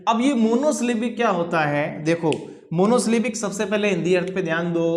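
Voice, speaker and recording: A man teaching as a coaching instructor in a classroom lecture, repeating key phrases slowly and asking and answering his own questions. He speaks terms. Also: high-pitched. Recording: roomy echo.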